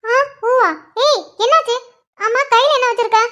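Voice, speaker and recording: A shrill, squeaky young wife from a cartoon , voiced by a woman. She nags and grumbles to herself, her voice sitting very high. The tone stays fussy and teasing. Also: moderate pace, a bit bright. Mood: alarmed. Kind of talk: cartoon voice acting.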